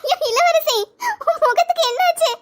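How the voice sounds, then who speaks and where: A woman's voice: extremely high pitch, normal speed. A woman doing a cheeky scheming cartoon maid. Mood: wheedling. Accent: Tirunelveli Tamil. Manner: wheedling, gossipy. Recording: noisy cartoon voice track.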